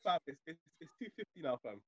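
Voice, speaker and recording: A young man speaks in a London roadman accent, swinging animatedly through his slang. His voice is husky and a little high, on a dry, muffled recording. It is casual, matey podcast banter. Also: big pitch swings, fast, fairly bright tone, no echo. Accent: London roadman, urban British slang. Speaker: podcast co-host.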